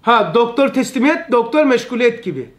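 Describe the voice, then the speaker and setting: High-voiced man teaching a religious lesson. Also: expressive, normal speed. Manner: emphatic and repetitive, addresses listeners as brother.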